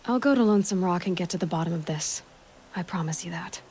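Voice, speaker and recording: A woman's voice: on the low side, fast talker, darkish tone, slight background noise, natural voice. An actress playing a determined young woman warrior who speaks directly and skeptically.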